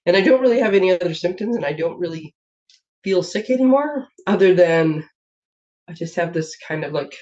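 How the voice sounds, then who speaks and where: A woman with a lowish, slightly mellow voice hosts a casual papercraft live stream from her home desk, speaking a little fast and expressively. She rambles and laughs often, sounding a bit congested from a sinus infection. Her webcam setup gives the stream dull, lo-fi audio.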